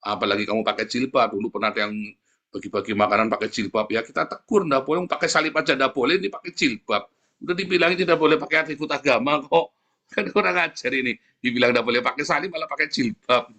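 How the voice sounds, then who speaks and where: A middle-aged male pastor preaching a casual, animated sermon and acting out the voices in his stories. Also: medium pitch, fast talker. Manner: casual, animated, acts out dialogue. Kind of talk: conversational sermon.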